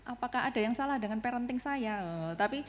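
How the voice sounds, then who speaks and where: A woman, a parent, telling a personal story in a chatty, animated way with many fillers. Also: fairly high pitch, quick pace. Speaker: parent asking a question. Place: school meeting hall. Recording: reverberant hall.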